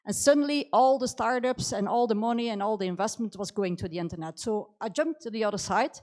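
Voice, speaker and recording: Speaking quickly in a medium-pitched, slightly mellow voice, this middle-aged conference speaker gives a motivational account of her career. She uses English with a Belgian accent touched by New Zealand, peppering her chatty talk with "you know".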